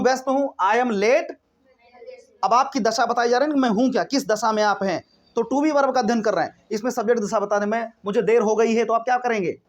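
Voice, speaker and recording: A man teaching a spoken English grammar lesson, explaining step by step with rhetorical questions and reading example sentences slowly before translating them. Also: very high-pitched. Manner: explains step by step, keeps asking rhetorical questions and saying "theek hai".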